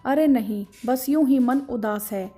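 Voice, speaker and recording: A woman voicing a meek, tearful middle-aged wife who speaks softly and plays down her hurt. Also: fairly high pitch, measured pace, soft background music. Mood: sad. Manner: soft, self-effacing.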